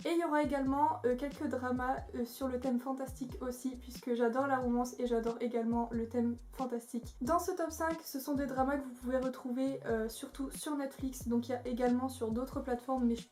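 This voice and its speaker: A woman's voice: high voice, steady tone, fairly quick, few pauses, darkish tone. A young woman, chatting enthusiastically as she recommends her favourite series, with many fillers. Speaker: video creator. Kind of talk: casual spoken review.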